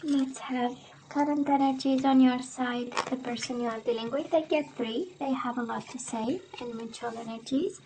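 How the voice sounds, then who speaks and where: A woman doing a casual tarot love reading, hoarse as she loses her voice, often clearing her throat and tagging her sentences with "right?". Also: sits high, steady tone, normal speed, noisy background. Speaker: tarot reader.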